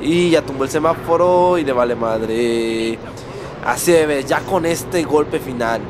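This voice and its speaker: A man with a Mexican accent doing excited, swearing gameplay commentary as a gaming host. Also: mid-range voice, slow pace, noisy background. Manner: excitable, swearing, mock-shouting at the game.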